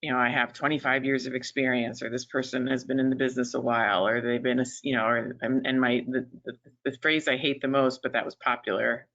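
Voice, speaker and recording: A woman in her fifties who runs a resume writing business chats as a webinar panelist, using lots of fillers and restarts and laughing easily. Her very deep voice is a bit bright with fairly even intonation, and the recording sounds muffled.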